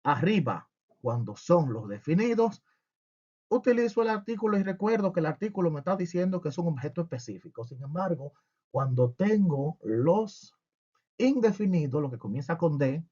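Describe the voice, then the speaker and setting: A man's voice: fairly high pitch, animated, normal speed, a little mellow, dull audio. A man teaching a French lesson with humor, asking and answering his own questions.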